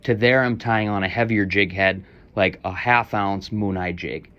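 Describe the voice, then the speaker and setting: A young man giving a relaxed, instructional voice-over about a fishing rig for his fishing vlog. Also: lowish voice, moderate pace, highs cut off.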